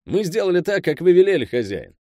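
A man's voice: mid-range voice, big pitch swings, a little fast, darkish tone, no echo, dull audio, pitched above the performer's own voice, natural voice. A man voicing an eager, deferential male henchman who keeps calling his boss master, in a raised voice. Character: Pel, wary fawning male henchman.

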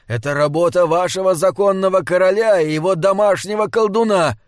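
A man's voice: fairly high pitch, animated, unhurried, darkish tone, dry recording, clean studio sound. A man voicing a nervous male archivist priest who pleads with anxious, stammering urgency in an audiobook. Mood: anxious pleading.

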